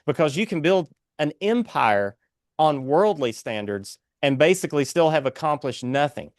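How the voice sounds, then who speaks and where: A man's voice: on the high side, expressive, moderate pace, no echo, clean studio sound. A man with an Appalachian accent speaking as a guest author in an earnest, inspirational interview, exhorting like a preacher.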